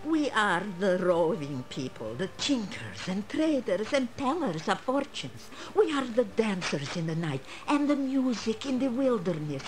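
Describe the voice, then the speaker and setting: Old female fortune teller, video game character, slow solemn delivery, sweeping intonation, mysterious, proud. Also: mid-range voice, very animated, over music, low-quality recording.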